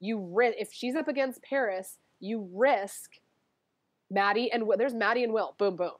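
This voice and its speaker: A woman chatting casually as a guest, animated and quick, laughing often and circling back to her points. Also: fairly high pitch, dry recording. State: allergies, sniffly. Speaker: guest, former reality show contestant. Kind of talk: casual chat.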